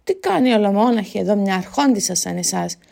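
A woman voicing a courteous young king who speaks gently and reassuringly. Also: medium pitch, lively intonation, vocal fry. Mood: gentle, curious. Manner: gentle, reassuring, then commanding.

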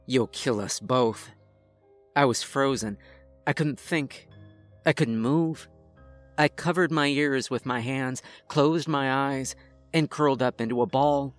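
A man reading a first-person horror story in a tense, measured way. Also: mid-range voice. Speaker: narrator. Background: faint music.

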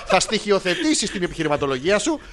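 Lively high-voiced Greek podcast man. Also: a crowd in the background. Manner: teasing, argumentative, loud bursts. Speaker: podcast co-host. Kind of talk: casual banter. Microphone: studio microphone.

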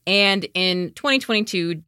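A woman's voice: mid-range voice, moderate pace, pushed and bright, clear, resonant tone, no echo, clean studio sound. A woman co-hosting a podcast, telling history in a casual, playful and irreverent way. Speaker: podcast co-host. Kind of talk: casual conversational history storytelling.

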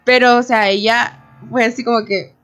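A young woman telling a spooky story in a casual, animated chat, filling her talk with "o sea". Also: a little high, moderate pace. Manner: animated, many fillers like "o sea". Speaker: radio show team member telling a story. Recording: dull lo-fi recording with faint music.

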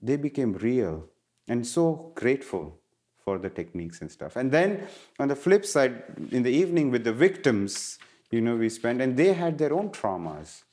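A man's voice: medium pitch, sing-song, moderate pace, darkish tone. A middle-aged man from India in a casual interview, explaining things earnestly and animatedly, often restarting his phrases. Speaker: guest, wellness educator.

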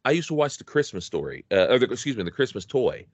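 A man's voice: medium pitch, expressive, quick pace, dry recording, dull audio. A man co-hosting a podcast, chatting casually and nostalgically, rambling with many restarts. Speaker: podcast co-host.

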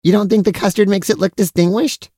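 A man's voice: high-pitched, fairly even intonation, a little fast, dark tone, dry recording, clean studio sound. A man playing a cheerfully oblivious, food-loving brother who is vain about his mustache, in a comic audio drama. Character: mustache-proud, food-loving, easily distracted silly brother.

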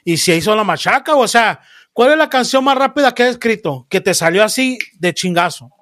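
A man hosting a casual interview, telling stories in animated, slangy Mexican Spanish with swearing. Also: high-pitched, a little fast. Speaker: podcast host.

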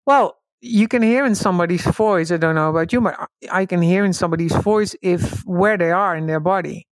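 A guest whose first language is Dutch, a woman, talks through spiritual ideas in a relaxed manner, often restarting, laughing easily and jumping high in pitch when excited. She speaks a little fast, and the recording is dry and close, with no room around it.

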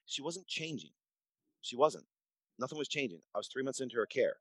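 In a conversational podcast interview, a man in his forties who works as a doctor tells stories with a very animated, medium-pitched voice, speaking a little fast. He stresses and repeats things and keeps restarting sentences. The audio is poor, with no echo.

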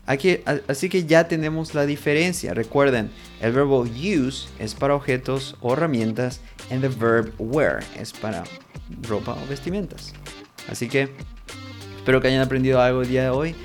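A man teaching a language lesson, patiently working through examples and checking in often with his students. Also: mid-range voice. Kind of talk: explaining a lesson.

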